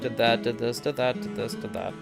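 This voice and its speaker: A woman's voice: a bass voice, steady tone, brisk, creaky, loud music behind the voice. A woman streamer chatting casually while playing a game, filling her talk with "like". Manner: casual, says like a lot. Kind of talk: casual let's-play chat.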